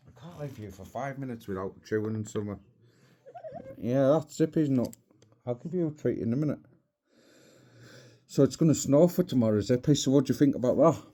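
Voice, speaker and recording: A man's voice: mid-range voice, animated, moderate pace, pauses often, warm tone, a little hiss or hum. Man chatting playfully to his pets. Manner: playful pet-directed talk with repeated coaxing questions. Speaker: pet owner vlogger. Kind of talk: casual chat to pets.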